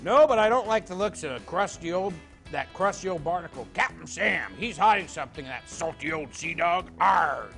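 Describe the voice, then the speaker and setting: A goofy, wisecracking co-host with a gravelly, crackly voice that sits a bit higher than most men. Soft music plays under him. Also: male voice, lively intonation, moderate pace. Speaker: horror movie co-host. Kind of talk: casual banter.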